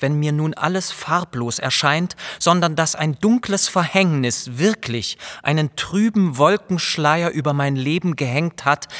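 A male storyteller reads a classic tale aloud in a slow, dramatic, first-person way. His voice sits fairly high for a man. A long reverb surrounds every word, as in a large hall. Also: fairly bright tone. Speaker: reader. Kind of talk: audiobook reading of a classic tale.

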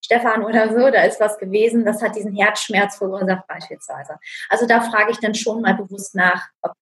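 An energy healing practitioner, appearing as a guest in a conversational interview, eagerly explains her healing practice, using lots of fillers and tag questions. Her mid-range voice is steady, fairly quick, and fairly bright, though the recording quality is low.

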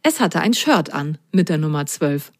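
Woman, storybook narrator, expressive, lower voice, dry studio sound. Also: moderate pace, no echo. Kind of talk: children's storybook reading.

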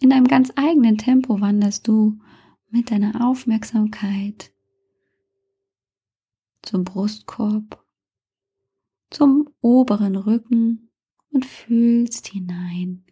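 Female sleep-story style meditation guide: soft, dark-warm, near-whispered, calm, unhurried delivery with long pauses. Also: on the high side, breathy edge. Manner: calm, soothing, gentle suggestions with long pauses. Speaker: guided relaxation instructor.

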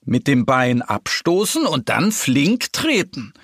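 A man doing a gentle, fatherly wild boar. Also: mid-range voice, huge pitch swings, takes it slowly, slightly rough, dry recording, studio quality, heavily acted. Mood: kind. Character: kindly grown-up male wild boar.

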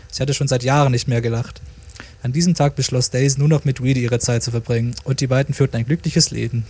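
A man's voice: mid-range voice, a little mellow, slightly rough. A man casually reading his own humorous story aloud, chuckling and stumbling over lines now and then.

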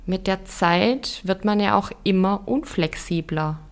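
A woman's voice: medium pitch, measured pace, natural voice. Woman voicing a nagging, blunt male companion. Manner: pushy, probing questions.

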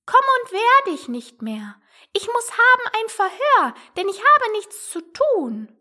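A woman's voice: very high-pitched, wildly swooping pitch, takes it slowly, pushed and bright, pitched above the performer's own voice, full character voice. A woman voicing a scheming male dog who bullies a mouse in a rhymed tale, half whispering.

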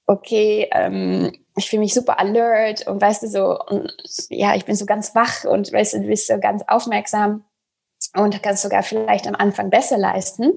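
Woman with German, gravelly and husky. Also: medium pitch, flat delivery, a little mellow. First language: not German; speaks German as a second language. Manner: halting, searching for words, with non-native grammar. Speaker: health coach as podcast guest. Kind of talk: conversational explaining on a podcast.

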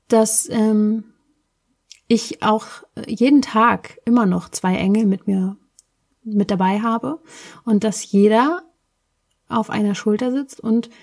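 A woman's voice: medium pitch, darkish tone. A woman from Berlin casually telling a personal story in a reflective way, often searching for words. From Berlin, Germany.

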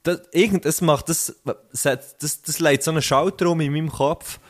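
A man's voice: fairly high pitch, normal speed. A young man with a Swiss German accent, a teacher chatting casually and rambling with many restarts and swearwords. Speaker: podcast co-host, teacher. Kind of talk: casual chat.

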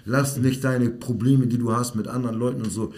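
A man's voice: medium pitch, steady tone, fairly quick, darkish tone. A man, a children's martial arts coach, chatting bluntly and heatedly in street slang on a podcast. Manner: street slang, 'Bruder' and 'Digga' in every sentence. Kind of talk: casual podcast chat.

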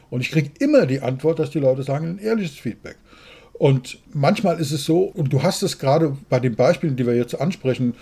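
Blunt, husky man. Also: a little high. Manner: blunt, outspoken, animated storytelling. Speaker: business consultant, podcast co-host. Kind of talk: casual podcast conversation.

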